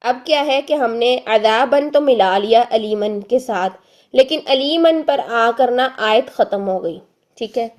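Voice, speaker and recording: A woman teaching a recorded lesson on reading the Quran, explaining patiently and often checking in with the listener. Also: a little high. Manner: draws out example syllables slowly and loudly.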